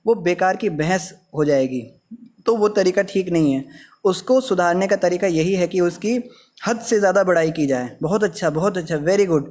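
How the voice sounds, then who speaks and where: A man's voice: high voice, normal speed, a little mellow. A man giving a scripture class, explaining with everyday examples and storytelling. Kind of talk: Hindi scripture class sermon.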